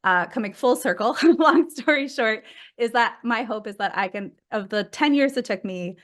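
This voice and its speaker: A woman's voice: a little high, animated, normal speed, a bit bright. A woman in her thirties, a coach and podcast guest, chatting casually with frequent laughs and lots of "like". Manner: bubbly, laughs often, lots of "like". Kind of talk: casual conversational interview.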